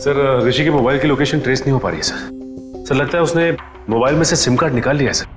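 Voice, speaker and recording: An actor playing a police officer reporting quickly and respectfully to his boss. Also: mid-range voice, reverberant, big-room sound, music in the background, close to an everyday voice.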